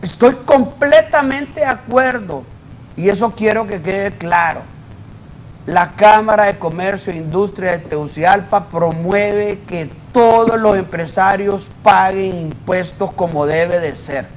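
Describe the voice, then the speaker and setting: A man's voice: sits high, measured pace, a little hiss or hum, low-quality recording. A man, a guest auditor explaining his point emphatically in an interview, working through examples. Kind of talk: debate in a TV interview.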